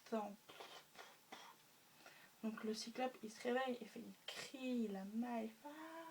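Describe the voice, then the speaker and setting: Retelling a story for a class, a woman speaks unhurriedly in a fairly high, fairly even voice, hesitating often and filling gaps with fillers and spoken sound effects. Faint room noise is audible, and the mic sits a bit far away.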